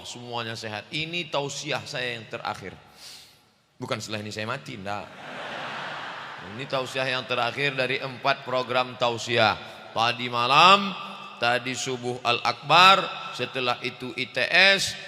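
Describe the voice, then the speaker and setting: A man preaching a humorous sermon in a loud, booming voice into a handheld microphone in a large mosque. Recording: echoey hall reverb.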